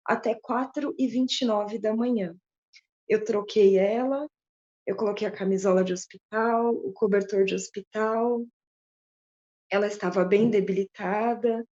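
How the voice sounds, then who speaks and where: A woman guest giving an emotional personal account, halting and tearful, with frequent restarts. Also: fairly high pitch, a little mellow, dull audio.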